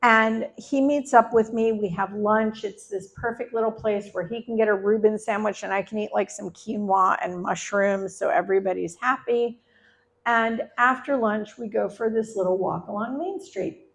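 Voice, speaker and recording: A woman's voice: mid-range voice, fairly even intonation, moderate pace. A middle-aged woman telling a personal story to a live audience, chatty and conversational with laughing asides. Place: live event venue.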